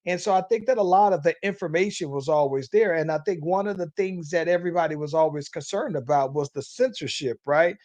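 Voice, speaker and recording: A man's voice: fairly high pitch, fairly quick, hardly any pauses, a little mellow, no room sound. A man hosting a casual podcast, rambling along and tagging his sentences with "though, man". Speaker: podcast host.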